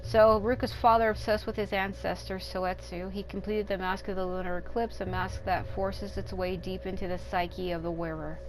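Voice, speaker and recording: A woman in her thirties, speaking at home as a let's play gamer in casual, rambling gameplay commentary and thinking out loud. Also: medium pitch, little pitch movement, normal speed, hardly any pauses, background noise. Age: 30s. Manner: rambling and candid, thinking aloud. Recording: game music playing under the voice.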